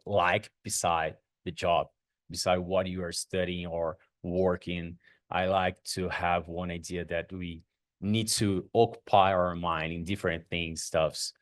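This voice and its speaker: A deep-voiced man with a Brazilian Portuguese accent speaks at a conference, animated and quick to laugh. His English has non-native phrasing, with Portuguese as his first language. He sounds like a man in his thirties. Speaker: guest speaker. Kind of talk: conference talk.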